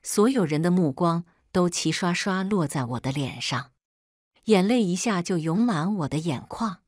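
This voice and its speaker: A woman narrating a first-person story in a steady, somber scripted style. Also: on the low side, moderate pace, dry recording, studio quality.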